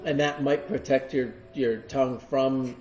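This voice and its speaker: A man co-hosts a live cheese tasting, explaining flavors in a relaxed, hesitant way. His voice is dark and mellow, and it rings in an echoey room. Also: mid-range voice, measured pace, faint music behind. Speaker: cheese shop host. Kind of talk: live-streamed tasting lesson.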